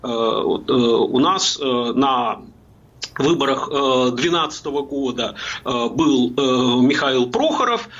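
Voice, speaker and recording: A man giving political commentary as a guest, pausing constantly with drawn-out hesitations between words. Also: medium pitch, lively intonation, a bit bright, lo-fi sound.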